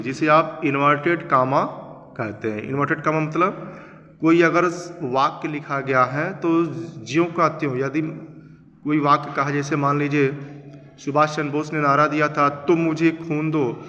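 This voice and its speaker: A male teacher explaining a textbook chapter in a classroom lesson, reading passages slowly and then restating them simply, mixing in English terms. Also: on the high side, fairly even intonation, bright, forceful tone. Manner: reads quoted passages slowly, then explains in plain words; mixes English terms into his talk. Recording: reverberant room, slightly dull sound with faint noise.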